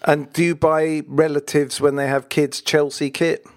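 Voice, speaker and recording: A man's voice: on the high side, little pitch movement, moderate pace. A man hosting a football podcast in a casual, conversational style.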